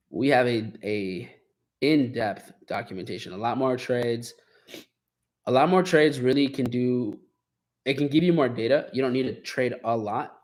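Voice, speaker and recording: Hosting a live Q&A on trading, a man with a medium-pitched, somewhat dark voice casually encourages his students. He walks through their journals, full of fillers and restarts, in relaxed live-stream style.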